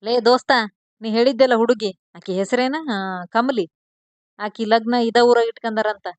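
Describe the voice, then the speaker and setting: A woman's voice: fairly high pitch, fairly even intonation, moderate pace, a little mellow, no echo, close to an everyday voice. A woman voicing a young village friend with a North Karnataka accent, chatty and egging his friend on. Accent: North Karnataka Kannada.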